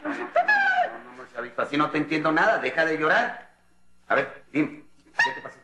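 An actor playing a gruff, impatient middle-aged man who keeps repeating himself, heard on an old TV recording with hiss. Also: a little high, huge pitch swings, normal speed. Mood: exasperated. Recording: roomy old TV sound with hiss.

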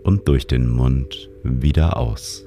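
A man narrates a guided sleep meditation in a soothing, calm manner, like a sleep-story narrator. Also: very deep voice, slow, soft background music. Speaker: meditation guide and show host.

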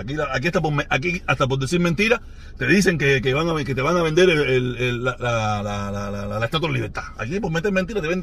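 A Cuban man with a Cuban Spanish accent hosting his podcast, who rants in an animated, mocking way and repeats himself often. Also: on the high side, a little hiss or hum. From Cuba. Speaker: podcast host. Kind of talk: ranting commentary monologue.

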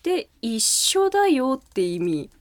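A woman's voice: high-pitched, big pitch swings, unhurried. A woman with a Tsugaru accent hosting a radio show in a studio, presenting dialect in a chatty style. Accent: Tsugaru (Aomori).

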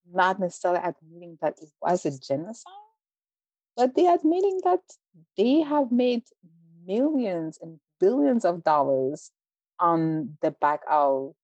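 Low-voiced woman. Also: darkish tone, no room sound, dull audio. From Belgium. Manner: earnest, measured, frequent "like" fillers. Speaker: guest. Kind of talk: interview conversation.

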